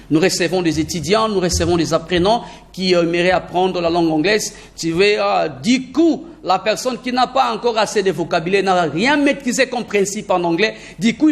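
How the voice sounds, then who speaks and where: A man teaching a video lesson on learning English, energetic and repeating phrases for emphasis, mixing in English sentences. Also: sits high, fairly quick, few pauses.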